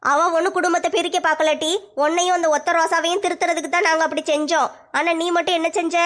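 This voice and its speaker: A woman playing a scheming, sharp-tongued mother-in-law in a comic family sketch. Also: extremely high pitch. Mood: scolding. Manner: scolding, sly, fast-talking. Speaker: comedy sketch actor.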